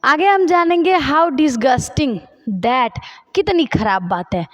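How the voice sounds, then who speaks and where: A woman teaching spoken English in Hindi, repeating each phrase slowly while she writes out the examples. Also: sits high, sing-song, muffled recording.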